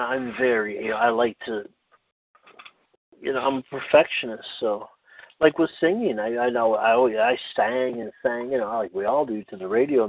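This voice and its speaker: Halting, wry man in muffled chat. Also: medium pitch, gravelly, breathy edge. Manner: halting, self-interrupting, wry. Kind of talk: rambling humorous casual chat.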